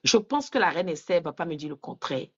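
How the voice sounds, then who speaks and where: A woman speaking at a church women's gathering, giving an animated testimony that acts out quoted dialogue and puts questions straight to the audience. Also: on the low side, a little fast, breathy edge, highs cut off.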